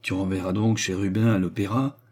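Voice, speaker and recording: A man voicing a scheming, disdainful male baronet villain, with a low, husky voice. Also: steady tone, fairly quick, a little mellow. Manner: disdainful, calculating.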